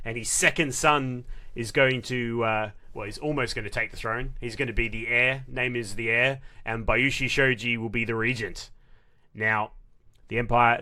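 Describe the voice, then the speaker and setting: A man hosting a casual podcast chat, relaxed and chatty, laughing often. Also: mid-range voice. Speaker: podcast host.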